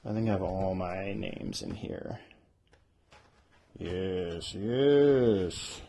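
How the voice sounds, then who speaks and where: A man talking casually as an author hosting a podcast, animated and often interrupting himself as he thinks aloud. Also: low voice, extremely slow. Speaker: author hosting a podcast about their own book. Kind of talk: casual rambling talk with bits read aloud.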